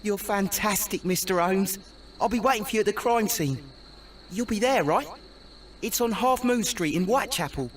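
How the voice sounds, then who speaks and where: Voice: mid-range voice, moderate pace, far from the mic, a little hiss or hum, natural voice. An actor voicing a worried young street boy in a video game, urgent and pleading.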